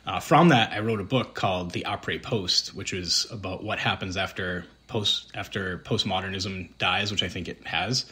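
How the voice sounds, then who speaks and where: A man's voice: deep voice, steady tone, moderate pace, hardly any pauses, fairly bright tone. A man with a Boston accent, co-hosting a casual podcast conversation, rambling with lots of ums and self-deprecating asides. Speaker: podcast co-host.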